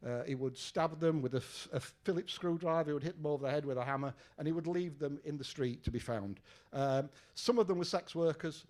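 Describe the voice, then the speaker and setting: A retired English detective, an older man with a slightly high, darkish voice, gives a lecture in a lecture room. His delivery is conversational, with fillers and questions put to the audience.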